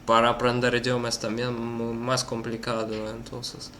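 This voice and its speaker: A man with a bright, forceful voice whose first language is Russian, hosting a casual conversation. He speaks haltingly and searches for words, with faint noise behind him. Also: mid-range voice, monotone. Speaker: host.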